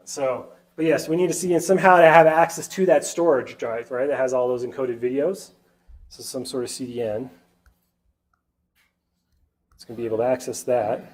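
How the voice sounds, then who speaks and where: A man's voice: medium pitch, normal speed, pauses often. A man with a stuffy, nasal voice from a sinus cold, giving a casual whiteboard tech talk to a user group and often checking in with the audience. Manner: chatty, keeps asking the audience "right?".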